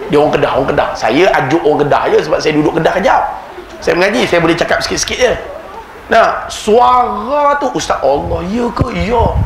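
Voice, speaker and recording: A man's voice: a little high, vocal fry. A male preacher with a Malaysian Malay accent, giving a humorous sermon and acting out anecdotes in the voices of other people. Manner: animated storyteller, mimics other people's voices. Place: mosque prayer hall. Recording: echoey prayer hall with background noise.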